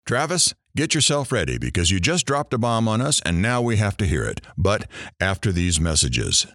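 A man's voice: fairly low pitch, sing-song, normal speed, fairly bright tone, dry recording, clean studio sound. A man playing a talk show host, brash and teasing, hamming up each surprise.

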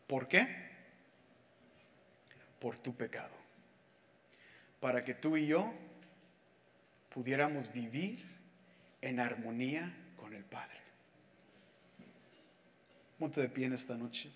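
A pastor preaching a sermon, telling a story slowly and with emphasis, now and then switching into English. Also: medium pitch, animated, fairly bright tone. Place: church hall. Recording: echoey church hall with faint music.

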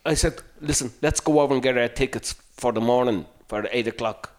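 A man's voice: mid-range voice, fairly quick. An Irish man telling a story in a casual, conversational chat.

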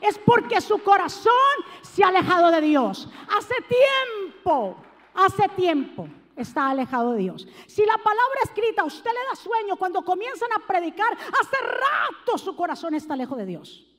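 A woman preacher, delivering an impassioned sermon that swings between shouting and low murmurs. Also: sing-song, moderate pace, long reverb tail. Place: church hall.

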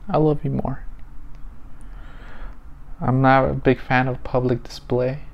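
A man's voice: mid-range voice, little pitch movement, creaky. Man co-hosting, dull lo-fi sound. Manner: rambling, halting, joking. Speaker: podcast co-host. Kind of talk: casual couple chat.

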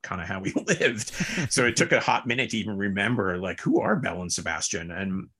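A man's voice: on the low side, expressive, a little fast, sharp tone, husky. A man, a record label founder, telling long casual stories in an interview, full of fillers and asides. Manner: rambling anecdotes with frequent fillers and laughs.

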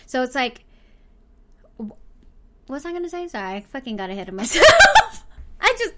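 A woman co-hosting a casual streamed chat show, leaning hard into a playful Valley Girl voice. Her voice sits a little high, and she rambles and giggles through her stories. The talk is loose and unscripted. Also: animated, fairly quick, very noisy. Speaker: co-host of a live-streamed podcast.

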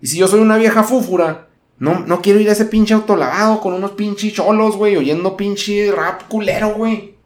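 Profane northern Mexican podcast host. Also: male voice, high voice, normal speed, roomy sound. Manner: profane, slangy, rambling. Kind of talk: casual comedic rant.

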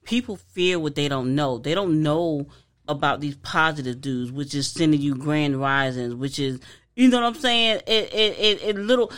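A woman's voice: low voice, normal speed, a bit bright. A woman co-hosting a casual podcast, giving earnest advice and often restarting her sentences. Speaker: podcast co-host.

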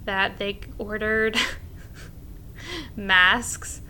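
A woman co-hosting a podcast, a teacher chatting casually, animated and laughing often as she acts out what she said. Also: mid-range voice, drawn-out words, slight background noise. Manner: animated, laughs often, acts out her own past remarks. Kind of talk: casual chat.

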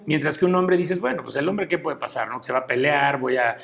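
His voice a little high, brisk, gravelly and a bit bright, the middle-aged Mexican-accented guest chats casually. He hands out frank, fatherly advice laced with filler tags.

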